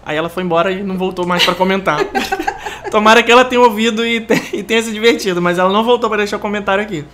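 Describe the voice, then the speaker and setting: A man's voice: sits high, quick pace, bright, forceful tone, slight background noise. Teasing Brazilian man, podcast co-host. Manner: teasing, laughs often. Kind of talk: casual podcast chat, reading listener comments.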